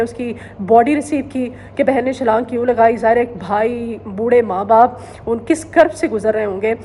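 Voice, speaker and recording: Female news commentator from Pakistan, pitched a little high, earnest, hesitant fillers, repeats phrases for emphasis, faint noise underneath. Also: a little mellow. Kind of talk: current-affairs news commentary.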